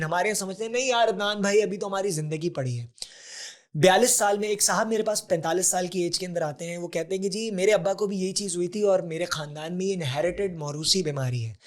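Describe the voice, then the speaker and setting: A man in his 40s, a health advocate appearing as a guest on a conversational podcast interview, explains things earnestly and often slips English terms into his sentences. His voice sits high and moves at a quick pace.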